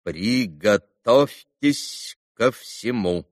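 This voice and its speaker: Man doing a slow haughty doctor. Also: mid-range voice, big pitch swings, no echo, clean studio sound, pitched above the performer's own voice. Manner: slow, weighty, condescending. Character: haughty, impatient male society doctor.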